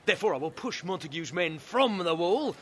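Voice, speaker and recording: A man's voice: high-pitched, animated, brisk, slight background noise. An actor playing a swaggering, bawdy young male servant spoiling for a fight, in Shakespearean stage acting. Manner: boastful, bawdy.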